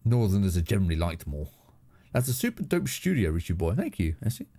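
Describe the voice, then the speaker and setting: A man's voice: low voice, wildly swooping pitch, fast talker, dark tone. A middle-aged man with a southern English accent, hosting a casual live stream from his home studio, rambling and laughing with many restarts. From southern England.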